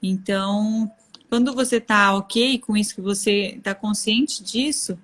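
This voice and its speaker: A woman's voice: medium pitch, unhurried, a bit bright. A woman in her thirties with a Brazilian Portuguese accent, chatting candidly on a live stream about motherhood, often laughing. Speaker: guest speaker on parenting. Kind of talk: casual live-stream conversation.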